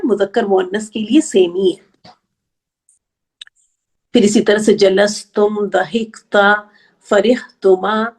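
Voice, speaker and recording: A woman teaching an Arabic grammar class, explaining patiently step by step and counting slowly aloud. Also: fairly high pitch, a little mellow. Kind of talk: online class lecture.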